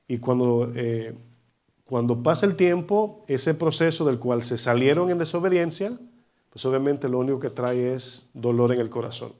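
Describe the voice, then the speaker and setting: A man preaching a sermon to his congregation, emphatic and direct, often asking the listeners questions, his loudness rising and falling sharply between phrases. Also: medium pitch. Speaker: pastor. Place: church service.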